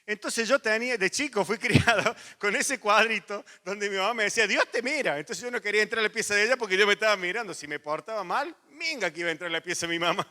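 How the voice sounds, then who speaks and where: A middle-aged man with a Rioplatense Spanish accent preaching a sermon, moving from lively anecdotes to hushed, earnest appeals. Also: sits high, quick pace, few pauses. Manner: animated storytelling with laughs, then quiet intimate pleading. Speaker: pastor.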